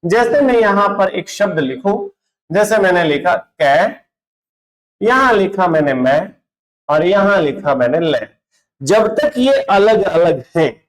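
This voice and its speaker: A man with a high voice teaches Hindi grammar in a lively online class. He keeps asking his students questions and answering them himself. He calls them brother and mixes English words into his Hindi. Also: poor audio. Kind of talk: classroom-style online lesson.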